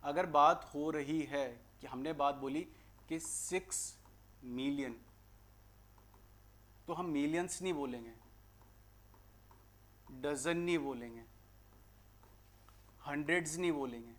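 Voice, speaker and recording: A fairly high-voiced man with an Indian accent teaches a grammar lesson for exam preparation. He explains points conversationally, then slows right down to read English sentences word by word. He quizzes the class with questions he answers himself. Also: fairly bright tone. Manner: explains in Hindi, reads English sentences slowly and deliberately; asks and answers his own rhetorical questions.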